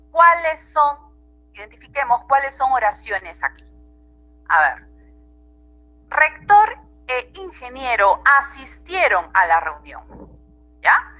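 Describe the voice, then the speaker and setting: A woman's voice: fairly high pitch, bright, forceful tone, low-quality recording. A woman teacher with a Peruvian Spanish accent, giving an online class lecture, often quizzing her students and repeating key phrases.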